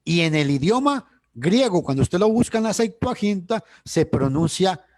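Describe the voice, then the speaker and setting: A man's voice: high-pitched, animated, moderate pace, darkish tone, no room sound. A man teaching church doctrine on a video call, emphatic and full of rhetorical questions, often restarting words.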